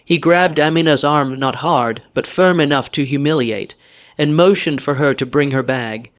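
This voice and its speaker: A man reading a dramatic story as its narrator, steady and scripted. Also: fairly high pitch, normal speed, dry recording, dull audio.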